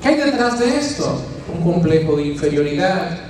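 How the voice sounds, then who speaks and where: Dominican friar giving a sermon: high-voiced man, questions and homely sayings, caught from afar in a very reverberant church. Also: very animated, moderate pace, a little mellow, slight background noise. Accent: Dominican Spanish. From Dominican Republic. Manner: teaching with rhetorical questions and folksy asides. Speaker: preacher, friar. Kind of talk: sermon at a healing retreat. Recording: very echoey church, distant mic.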